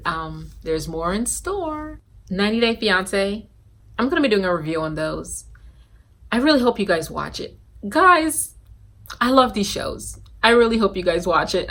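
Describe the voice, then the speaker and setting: A woman from Guyana talking casually to camera in an animated, sassy way, reviewing a reality TV show and giving her predictions. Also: medium pitch. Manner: animated and sassy, with bursts of laughter and scolding. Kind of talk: casual opinionated chat to camera.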